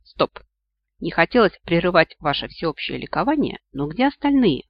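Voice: mid-range voice, sing-song, normal speed, muffled recording. An audiobook reader voicing a blunt, wisecracking male talking cat familiar. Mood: dry. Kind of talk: audiobook character voice.

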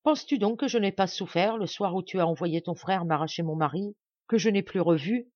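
A woman's voice: on the low side, fairly quick, darkish tone, no echo, highs cut off, lightly acted. A woman voicing a cold, iron-willed young noblewoman who mocks and accuses her rival harshly. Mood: accusing.

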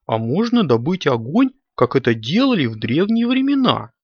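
A man voicing a thoughtful, always hungry boy kitten who drawls slowly and whines, on a dull lo-fi recording. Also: a little high, very animated, husky, no echo, voice pushed up, full character voice. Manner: slow, whiny, dreamy.

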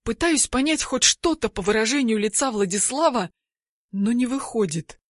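A woman reading a first-person novel aloud, lively and acting out the dialogue. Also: on the high side, moderate pace, no room sound, clean studio sound. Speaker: audiobook narrator. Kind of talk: first-person audiobook narration.

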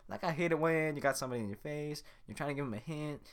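A man voicing an excitable, chatty male talking donkey in a high, loud, over-eager voice. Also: very fast, close to an everyday voice. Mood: gushing.

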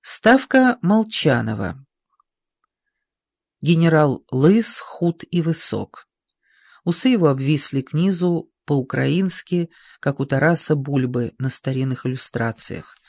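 An audiobook narrator reading a war novel in an even, unhurried storytelling manner. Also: mid-range voice, gravelly, no echo, clean studio sound.

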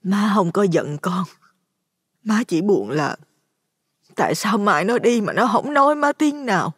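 A man voicing a gentle, grieving middle-aged mother who speaks softly and tenderly. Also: high voice, very animated, unhurried, husky, dry recording, clean studio sound, pitched above the performer's own voice, full character voice. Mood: gentle sorrow. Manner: soft and tender.

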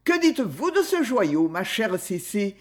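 A woman's voice: mid-range voice, big pitch swings, measured pace, a little mellow. A woman voicing a kindly, courteous old English lord speaking to his family. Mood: genial. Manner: genial and courteous.

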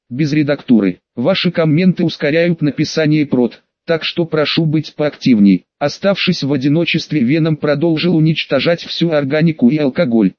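A man reading an audiobook in a steady, even narration. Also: a little high, dry recording. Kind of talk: scripted narration. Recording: dull dry lo-fi sound.

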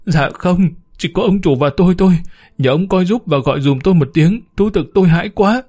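A man's voice: mid-range voice, normal speed, mellow, breathy edge, natural voice. A man voicing a frightened elderly housemaid in a spoken story, pleading and panicky. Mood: terrified pleading.

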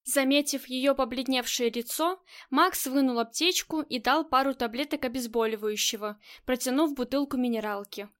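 A woman narrating a crime audiobook with steady storytelling. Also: high-pitched, moderate pace. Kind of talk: scripted narration.

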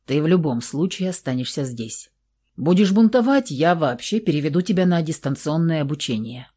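A woman's voice: low voice, animated, normal speed, mellow. A woman reading aloud and voicing a cold, domineering elder vampire brother who speaks curtly and commandingly. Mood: icy. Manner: icy, curt, commanding.

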